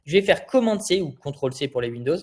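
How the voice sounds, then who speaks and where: A young man teaching a live design software tutorial, chatty, walking through each step and asking his viewers rhetorical questions. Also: a little high, animated, quick pace, breathy edge. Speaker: design instructor. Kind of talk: live screen-share tutorial.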